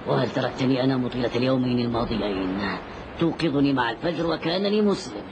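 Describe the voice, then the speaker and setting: A man voicing a sleepy, grumbling sailor companion in an animated film, teasing and complaining. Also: medium pitch, fast, muffled recording, lightly acted. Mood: grumpy. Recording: noisy soundtrack background.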